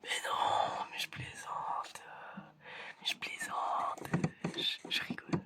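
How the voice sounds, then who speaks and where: In this ASMR roleplay, a man takes the part of an examiner, whispering breathily without voicing. He speaks slowly, and his teasing patter is hesitant and full of repetition.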